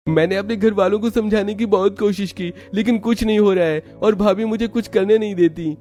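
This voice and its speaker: A man's voice: sits high, steady tone, fairly quick, warm tone, pitched above the performer's own voice, natural voice. A man voicing a kind young brother-in-law in a cartoon story, talking earnestly and eager to help. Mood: frustrated.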